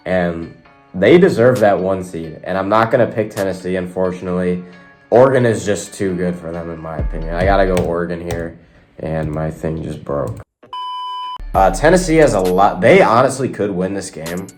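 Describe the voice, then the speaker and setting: Low-voiced and darkish in tone, a young man who has a cold and sounds nasal rambles through casual sports predictions to his viewers on camera. He hosts sports videos, and faint guitar music can be heard behind him.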